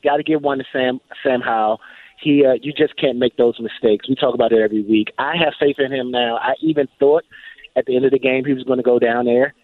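A man's voice: mid-range voice, steady tone, a little fast, dry recording. A male caller rambling in a chatty way, tripping over restarts. He comes through a tinny, phone-like line with a dry sound. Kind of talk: call-in sports chat. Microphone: telephone.

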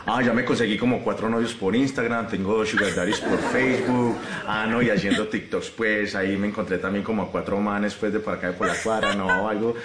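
A man's voice: lowish voice, steady tone, brisk, hardly any pauses, reverberant, very noisy, close to an everyday voice. A man voicing chatty, gossiping young women friends, in a comedy video. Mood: gossipy. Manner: gushing, gossipy, giggly.

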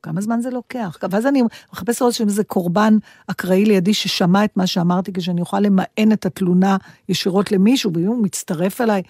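A woman's voice: medium pitch, few pauses, warm tone, no echo, studio quality. A woman co-hosting a podcast in casual chat, a chatty storyteller who laughs easily. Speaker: podcast co-host.

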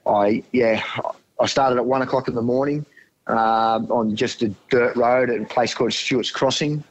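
An Australian man in middle age talks casually at a medium pitch over a dull phone line. He tells his story in a blokey, plain-spoken way with some hesitation. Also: fairly even intonation, moderate pace. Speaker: phone-in guest, charity walker. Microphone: phone call.

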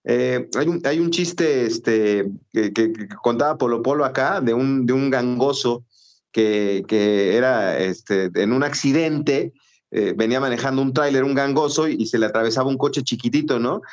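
A man's voice: mid-range voice, moderate pace, a little mellow. A man hosting a casual boxing talk show, telling chatty stories with plenty of fillers. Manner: chatty storyteller, many fillers. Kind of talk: casual sports chat. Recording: dull lo-fi recording.

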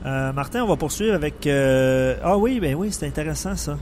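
A man with a Quebec French accent hosting sports talk radio, reading out listener questions in a relaxed way. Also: fairly high pitch, normal speed, a little hiss or hum.

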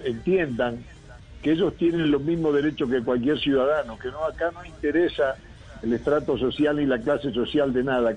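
A man's voice: mid-range voice, warm tone, husky, low-quality recording. A man from Uruguay, a football coach talking in a radio interview, thoughtful and rambling with many fillers and restarts.

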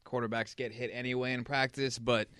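A man reporting on football practices in casual sports talk, frank and full of quick restarts. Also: mid-range voice, flat delivery, a bit bright, clean tone, no room sound.

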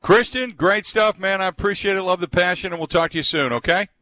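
A man's voice: high voice, fairly quick, pushed and bright. A man hosting sports talk radio, asking questions in an upbeat, conversational way. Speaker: radio host.

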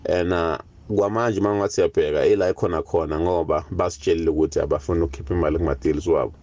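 A South African man gives a casual opinion on a radio phone-in. His voice is very low and dark, and he talks fast. The call sounds dull. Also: fairly even intonation, no room sound. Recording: dull muffled call audio.

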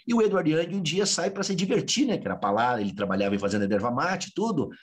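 Fast-talking man telling a story. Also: mid-range voice. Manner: animated storyteller acting out dialogue. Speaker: researcher. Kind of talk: interview storytelling.

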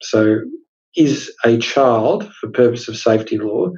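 Male podcast co-host, mid pitch, emphatic explainer, slightly muffled lo-fi sound. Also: animated, a little slow, darkish tone. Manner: chatty, emphatic, explains with rhetorical questions. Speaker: podcast co-host, workplace lawyer. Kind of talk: casual legal discussion podcast.

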